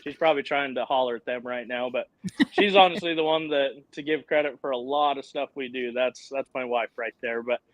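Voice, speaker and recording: A man in his thirties who runs an off-road channel appears as a guest on a live show, chatting casually about his off-road trips. His medium-pitched voice is fairly quick, upbeat, and quick to laugh, on a dry, lo-fi recording.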